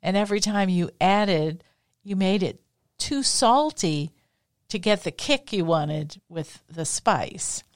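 A woman's voice: mid-range voice, lively intonation, slow, dry recording, clean studio sound. A woman with a Southern US accent hosting a food podcast, who explains at length and affirms her guest often. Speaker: podcast host. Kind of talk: conversational interview.

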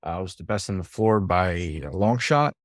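A man, a podcast guest and sales coach, telling stories from his career in a lively, casual way and swearing now and then. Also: low-pitched, moderate pace, dry recording, studio quality. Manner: animated storyteller, swears casually. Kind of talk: casual interview storytelling.

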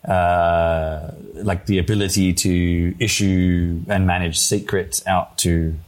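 A man interviewing a guest, asking halting questions with restarts and frequent laughs. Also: low voice, little pitch movement. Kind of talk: conversational interview.

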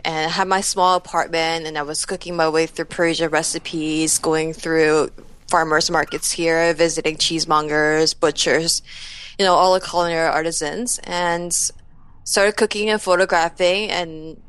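Soft-spoken Canadian woman, low voice. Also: flat delivery, moderate pace, clear, resonant tone, no echo. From Taiwan, raised in New Jersey and Canada. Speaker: photographer guest. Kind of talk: conversational interview.

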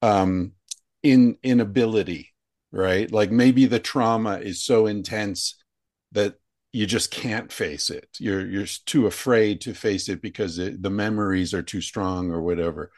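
A man's voice: lowish voice, fairly even intonation, a little slow, darkish tone, no echo, studio quality. A man hosting a conversational interview, musing aloud with frequent restarts and fillers. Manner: thoughtful, rambling with many restarts. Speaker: podcast host.

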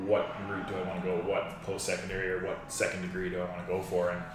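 A man's voice: low-pitched, monotone, quick pace. A man, talking conversationally as an interview guest. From Newfoundland, Canada. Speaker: guest, physiotherapist. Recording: echoey, distant mic, noisy room.

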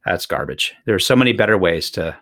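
A tired man with a very deep voice talking on a podcast. He stammers through the starts of his sentences in loose, casual discussion. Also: expressive, quick pace, a bit bright. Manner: stammering, repeats words at starts. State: tired, up since early morning. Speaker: podcast co-host.

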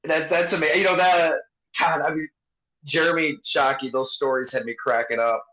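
Bright-voiced chatty male interviewer, echoey. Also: on the high side, fairly even intonation, moderate pace. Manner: chatty, storytelling, eager questions. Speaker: interviewer, podcast host. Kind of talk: conversational interview.

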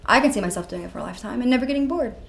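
A woman's voice: on the high side, lively intonation, rapid-fire, creaky. A woman in her twenties, a musician chatting casually in a backstage interview. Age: 20s. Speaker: musician guest. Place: backstage at a theater.

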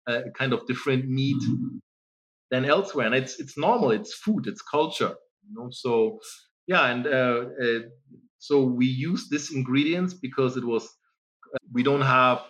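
This interview guest is a founder, a man in his forties from Germany, with a medium-pitched voice captured in poor audio. He talks casually and meanders, leaning often on "you know."

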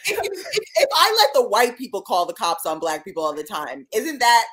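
Ironic, animated woman comedian guest. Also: mid-range voice, fairly quick. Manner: deadpan ironic bits, hesitant restarts. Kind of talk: casual comedic podcast chat.

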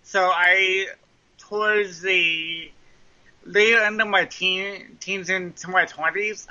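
A man with a speech impediment speaks haltingly and slurred, sounding like a muffled drive-through speaker, as a podcast guest telling his story. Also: sits high, pushed and bright. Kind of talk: personal testimony in a podcast interview.

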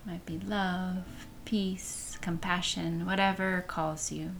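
Female meditation guide, slightly low, soft soothing delivery at a very slow pace. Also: level tone, creaky, slight background noise.

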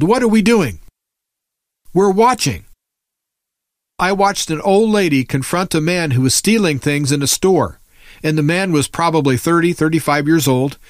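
Male commentator, slightly high-pitched, for an alarmed conspiracy-minded rant; emphatic, indignant, dry recording. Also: no echo. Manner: emphatic, preachy, rhetorical questions. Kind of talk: impassioned political rant, monologue.

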